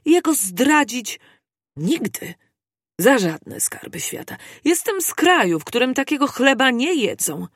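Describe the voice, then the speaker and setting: A reader voicing an excitable young male manservant who has been drinking and bursts out loudly. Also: medium pitch, unhurried, dry recording, studio quality, voice pushed up, natural voice. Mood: indignant. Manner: loud, impassioned outbursts.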